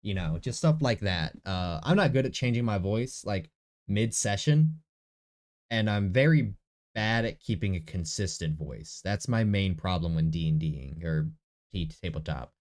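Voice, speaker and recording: A young man with a deep, slightly mellow, nasal voice and lively intonation talks at a measured pace in his bedroom, casually screen-recording a prep vlog for a tabletop game session. He rambles, thinks aloud, corrects himself and talks to himself, with a faint echo in the room.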